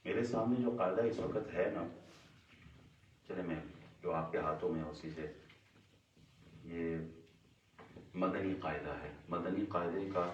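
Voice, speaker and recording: A man's voice: sits low, a little slow, long pauses, far from the mic, lo-fi sound, a little hiss or hum. A male recitation teacher leading an adult class, quizzing students and stretching sounds to demonstrate. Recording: echoey room, voice off-mic.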